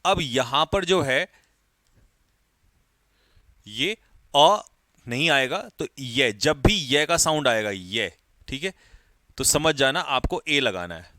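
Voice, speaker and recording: A man's voice: medium pitch, lively intonation, takes it slowly, long pauses, sharp tone, dry recording. A man teaching an English grammar lesson to exam students, calling out examples and quizzing the class.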